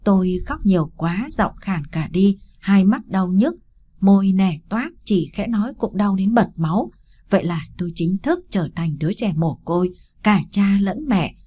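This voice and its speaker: A woman narrating a first-person story as an audiobook, in a steady, emotional storytelling manner. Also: mid-range voice, moderate pace, breathy edge.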